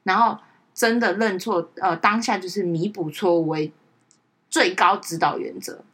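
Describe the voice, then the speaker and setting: A woman's voice: mid-range voice, fairly even intonation, normal speed, a bit bright, husky. A young woman co-hosting a podcast in casual chat, talking emphatically and rising sharply when worked up. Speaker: podcast co-host.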